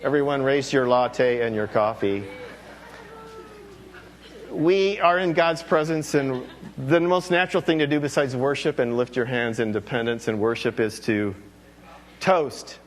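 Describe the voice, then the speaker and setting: A man's voice: mid-range voice, measured pace. A man preaching a sermon as pastor, talking candidly and rambling with self-deprecating asides.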